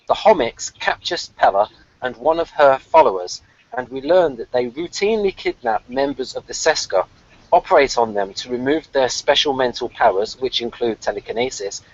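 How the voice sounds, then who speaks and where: Reading episode summaries and chatting casually as a review show co-host, this man speaks at medium pitch with no echo. The online call audio is dull and lo-fi.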